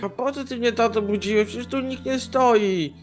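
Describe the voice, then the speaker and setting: A man's voice: very high-pitched, moderate pace, faint music behind. A man playing a young son in a game role-play, whining and pleading like a child. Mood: whiny. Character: young son, whiny and sleepy.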